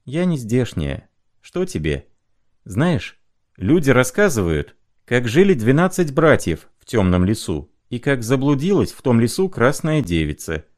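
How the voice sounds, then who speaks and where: A man reading aloud, voicing a gentle, mysterious young woman who soothes and coaxes in a soft manner. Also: medium pitch, big pitch swings, measured pace, pitched above the performer's own voice. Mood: storytelling. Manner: soft, caring, coaxing.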